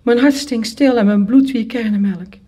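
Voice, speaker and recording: A storyteller narrating a first-person story in a lively, expressive way. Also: mid-range voice, moderate pace, slightly rough. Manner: lively, expressive, acts out characters.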